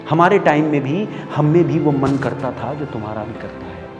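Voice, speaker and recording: A man's voice: mid-range voice, lively intonation, moderate pace, close to an everyday voice. A stage actor playing a stern but caring male schoolteacher who lectures his students, with an Indian accent. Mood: earnest. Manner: scolding, preachy, rising to loud outbursts. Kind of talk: theatre monologue. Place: stage in a hall. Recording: echoey hall with music behind.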